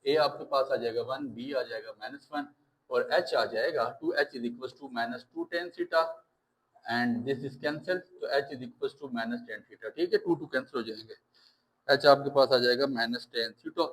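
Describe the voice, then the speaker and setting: A man's voice: mid-range voice, unhurried, low-quality recording. A man with a Pakistani Urdu accent teaching a maths lesson, reassuring his students and mixing English maths terms into his explanations.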